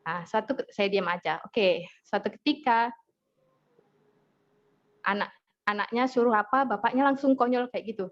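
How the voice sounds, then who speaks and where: A woman's voice: on the high side, moderate pace, pauses often. A woman, a hypnotherapist telling family stories in a parenting talk, acting out dialogue. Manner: chatty, storytelling, acts out family dialogue. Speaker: hypnotherapist speaker. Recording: dull lo-fi audio with faint noise.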